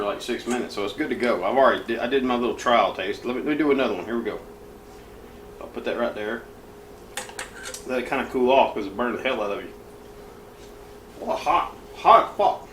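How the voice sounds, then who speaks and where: A man's voice: mid-range voice, fairly bright tone. A man hosts a casual cooking demonstration in his home kitchen. He rambles and swears freely in a folksy way. The room sounds roomy, with a faint hiss behind him. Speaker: cooking show host.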